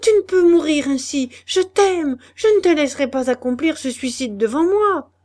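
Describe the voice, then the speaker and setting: A woman's voice: sits high, expressive, normal speed, a little mellow, voice pushed up. A woman reading a frantic young husband. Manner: feverish, stammering pleas. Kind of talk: audiobook dialogue reading.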